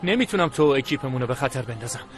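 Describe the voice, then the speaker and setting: A man's voice: medium pitch, expressive, close to an everyday voice. A man dubbing a police commissioner who urgently hurries a woman away in a TV drama. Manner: urgent, insistent. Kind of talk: Persian dub of a TV drama.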